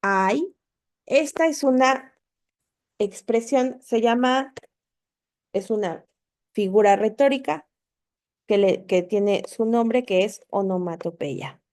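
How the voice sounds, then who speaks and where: A woman's voice: a little high, slow, pauses often, darkish tone. A woman, an online course tutor patiently explaining spelling and punctuation to students, often checking in with "ok?". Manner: patient, repeats points, asks "¿ok?".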